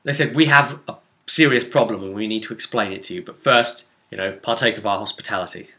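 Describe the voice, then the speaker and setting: A man with a lowish, sharp-toned voice speaks fairly quickly as he recounts a tabletop fantasy game he ran as game master. He tells it like a story, breaking off for rhetorical asides to the listener.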